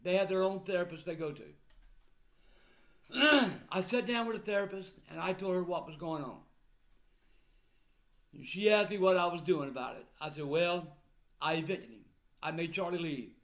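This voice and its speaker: Old man, high-pitched for a male, blunt grandfatherly delivery, informal personal vlog talk. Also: normal speed, long pauses, a bit bright. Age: older. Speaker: vlogger recounting family troubles. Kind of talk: casual personal talk to viewers.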